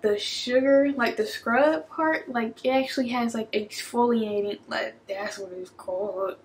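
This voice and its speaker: A woman's voice: a little high, slight background noise. A young woman vlogging casually to camera from home, chatty and full of filler words. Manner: chatty, heavy use of filler "like". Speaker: beauty vlogger.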